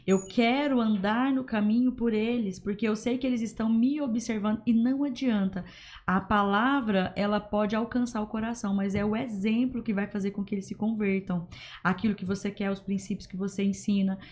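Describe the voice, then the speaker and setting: A woman's voice: medium pitch, steady tone, brisk, darkish tone. A woman talking earnestly as a podcast guest, explaining her points. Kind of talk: casual podcast chat.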